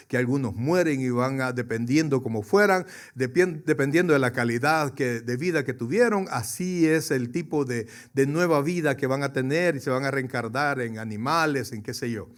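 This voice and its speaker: A man preaching a sermon to his congregation, swinging from soft to loud and questioning his listeners directly. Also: medium pitch. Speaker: pastor.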